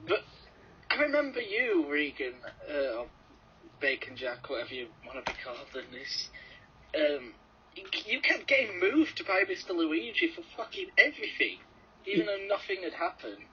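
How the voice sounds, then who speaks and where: A man's voice: a little high, wildly swooping pitch, normal speed, sharp tone, slight background noise. A young man co-hosting a podcast in casual chat, joking and teasing his friends, swearing now and then. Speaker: podcast co-host. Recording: dull lo-fi podcast recording.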